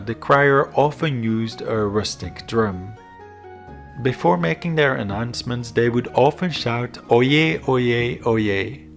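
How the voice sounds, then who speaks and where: A man giving a scripted educational history narration in a measured, explanatory manner. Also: mid-range voice, gravelly. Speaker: video narrator. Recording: background music under voice. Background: instrumental music.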